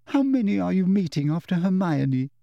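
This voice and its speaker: A man voicing a hurt, jealous teenage girl who stammers through tears, raising his voice high for her. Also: animated, normal speed, a little mellow, dry recording, lo-fi sound. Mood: tearful. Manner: stammering, shrill and weepy.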